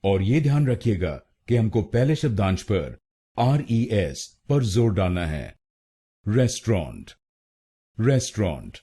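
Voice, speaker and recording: Man, pronunciation teacher, slow syllable drills, low mellow voice, lively pitch. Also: breathy edge. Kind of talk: scripted pronunciation lesson.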